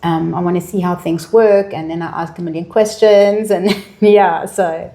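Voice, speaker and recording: A woman's voice: on the low side, fairly even intonation, normal speed, dark tone. Woman, company co-founder, podcast guest; chatty, affirming, loose filler-heavy talk. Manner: chatty, lots of "like" and "you know", affirming. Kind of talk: casual podcast conversation.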